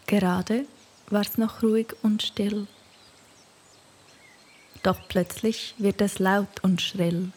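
A woman narrating a rhyming children's storybook in a soft, half-whispered voice. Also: medium pitch, fairly even intonation, slow, pauses often, breathy edge.

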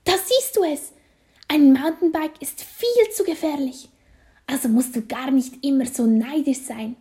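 A woman voicing an overprotective mother in a children's story, shrill and anxious. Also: a little slow, mellow. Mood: shrill worry.

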